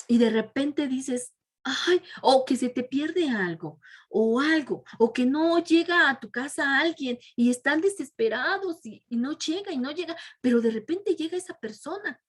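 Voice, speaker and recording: A woman tells a Bible story to children in a fairly high, husky voice. Her pitch rises and falls a lot. She often tags her sentences with a soft question and at times slips into a whisper. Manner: keeps adding a soft "¿verdad?" tag; sometimes drops to a whisper.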